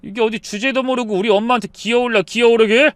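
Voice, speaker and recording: A man's voice: very high-pitched, fairly even intonation, fast talker, no echo. A man doing a hot-tempered contemptuous husband. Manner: rough, contemptuous yelling. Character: hot-tempered husband siding with his mother.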